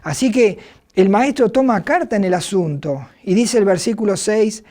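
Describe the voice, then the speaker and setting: A woman's voice: mid-range voice, animated, moderate pace, warm tone. A middle-aged woman with an Argentine accent, preaching by retelling a Bible story, hesitant and full of fillers. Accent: Argentine Spanish. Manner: hesitant, many fillers and restarts.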